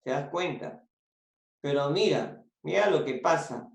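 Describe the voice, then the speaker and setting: A teacher leading an online class over a video call, speaking slowly and deliberately while coaxing answers from the students. The voice sits at an ordinary pitch. The sound is roomy, with a clear echo around it. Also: lively intonation. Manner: patient, repeats and prompts students.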